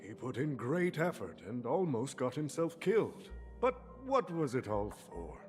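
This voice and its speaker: A man voicing a shrewd, chuckling very old tycoon in a video game, with a theatrical, deliberate old man's delivery. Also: medium pitch, sing-song. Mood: sly amusement. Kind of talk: video game story acting. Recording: long reverb, music behind.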